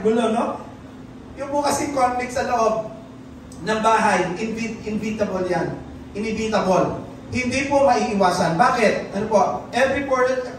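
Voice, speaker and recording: A preacher giving a sermon, switching between Tagalog and English and quizzing the congregation. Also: mid-range voice. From Philippines. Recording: very echoey church hall, distant mic, faint noise.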